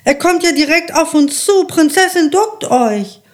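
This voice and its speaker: A woman voicing an ugly, evil count in a children's storybook reading, shouting in alarm. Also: extremely high pitch, expressive, unhurried, voice pushed up.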